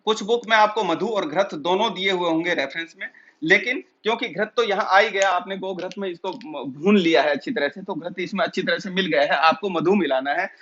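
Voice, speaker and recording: A man teaching an exam-prep lecture. He explains slowly, asks his own questions and then answers them, with many pauses and filler sounds. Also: sits high, fairly bright tone, dull audio. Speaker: Ayurveda teacher.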